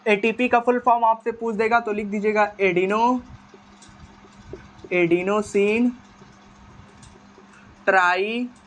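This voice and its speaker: A man's voice: high-pitched, steady tone, normal speed, hardly any pauses. A male teacher giving a classroom biology lecture in a conversational style. He keeps asking short questions, answers them himself, and repeats the key terms.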